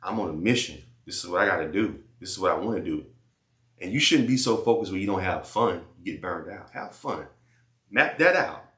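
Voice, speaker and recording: A man's voice: low-pitched, lively intonation, a little fast, a bit bright, reverberant. A man giving blunt, repetitive life advice in casual slang, talking straight to his viewers. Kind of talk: casual advice monologue and phone chat.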